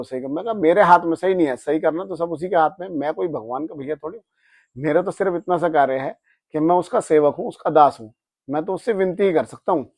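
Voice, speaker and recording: A man's voice: on the high side, no room sound, studio quality. A man telling a personal anecdote in casual speech, acting out the dialogue and raising his voice when angry. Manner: animated, acts out dialogue, voice rises when angry. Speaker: spiritual storyteller.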